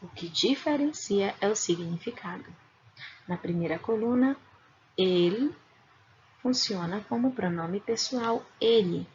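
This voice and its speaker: A woman from Brazil, a Spanish teacher, giving a recorded grammar lesson with slow, careful explanations and examples. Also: medium pitch, lively intonation. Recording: dull lo-fi recording with faint noise.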